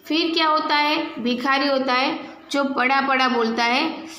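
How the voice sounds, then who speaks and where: High, bright woman teacher explaining. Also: steady tone, unhurried. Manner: explains step by step, asks rhetorical questions. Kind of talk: retelling and explaining a lesson story. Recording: echoey room, faint noise.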